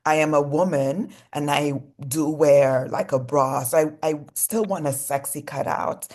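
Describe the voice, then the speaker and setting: A low-pitched young woman from Congo chats easily as a guest in an interview. She speaks in loose, relaxed sentences, leaning on "you know" and "like" as she explains her work. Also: unhurried. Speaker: fashion designer guest. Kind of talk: casual interview chat.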